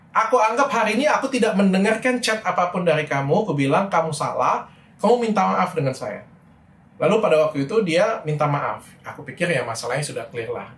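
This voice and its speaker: Middle-aged man vlogging, frustrated and animated, lively voice, echoey room. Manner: animated, frustrated, shifts pitch when quoting people. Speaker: vlogger telling his side of a story. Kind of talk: casual personal monologue.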